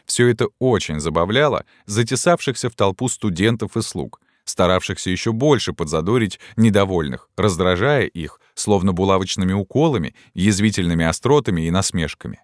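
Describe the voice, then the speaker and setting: Low-voiced guy reading an audiobook, dry close mic. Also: lively intonation, a little fast, hardly any pauses, no room sound. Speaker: narrator. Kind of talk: audiobook narration.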